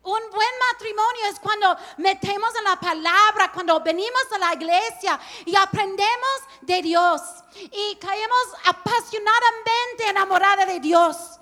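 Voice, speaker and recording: Woman preacher, super high voice, lively storytelling, laughs a lot. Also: measured pace, long reverb tail. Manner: animated, laughs through her stories. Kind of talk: storytelling sermon.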